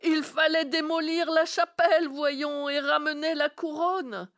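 A woman's voice: very high voice, a little slow, voice pushed up. A woman voicing a bossy, furious old female cook who shrieks and scolds in a storybook reading.

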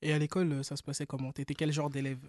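Man, interviewer, informal direct questions, fast, dry close sound. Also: fairly high pitch, flat delivery, darkish tone, no room sound.

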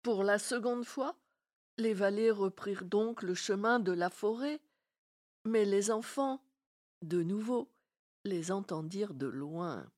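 Brief: woman storyteller, unhurried and expressive, a fairy tale read aloud. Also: medium pitch. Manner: slow and expressive. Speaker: narrator. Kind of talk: storybook reading.

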